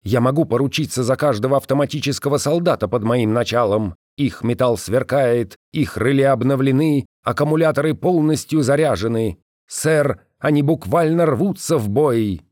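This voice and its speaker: A man voicing an eager, excitable male general in an audiobook, speaking fervently and in a rush. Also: no room sound, studio quality, natural voice. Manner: fervent, rushed and high.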